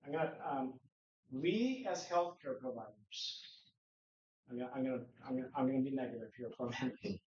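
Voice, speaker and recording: A Norwegian man whose first language is Norwegian gives a conference presentation, lecturing conversationally and posing rhetorical questions. His voice is medium-pitched, a little fast, and darkish, heard via a distant mic in an echoey conference room with dull sound and slight background noise.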